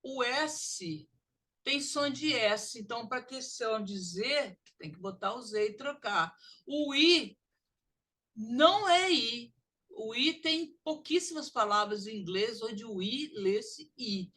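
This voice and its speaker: Bright-voiced Brazilian woman teaching phonics. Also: a little high. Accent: Brazilian Portuguese. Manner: drawn-out, exaggerated model sounds. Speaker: literacy teacher. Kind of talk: pronunciation lesson.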